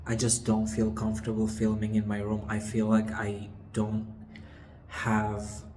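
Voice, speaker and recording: In an echoing stairwell with faint noise behind him, a man in his twenties speaks to camera in a casual, confessional way. His delivery is very slow and halting, full of hesitant pauses. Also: on the low side, completely flat delivery, a little mellow. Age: 20s. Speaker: vlogger. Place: stairwell of an apartment building. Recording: echoey stairwell with background noise. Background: faint ambient building noise.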